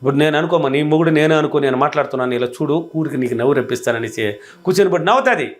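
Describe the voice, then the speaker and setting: A man's voice: on the high side, rapid-fire. A man giving a motivational relationship-advice talk as a coach, emphatic and repetitive, acting out little dialogues between spouses.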